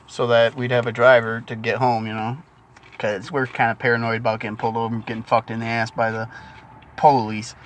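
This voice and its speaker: A man's voice: medium pitch, fairly bright tone, a little hiss or hum. A man telling a party story in casual chat with a friend, rambling and swearing freely.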